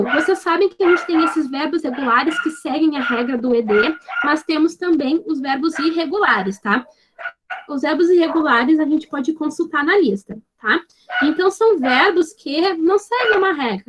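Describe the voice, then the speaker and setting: Over a noisy background, a woman with a high voice teaches an English grammar lesson patiently and step by step. She checks in with her students after nearly every phrase and spells out examples slowly and clearly.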